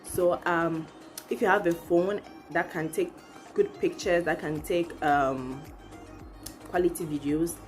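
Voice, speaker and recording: In a living room with background music, a young channel host speaking with a Ghanaian accent chats casually and expressively to her viewers. Her fairly low voice holds a steady tone and an unhurried pace.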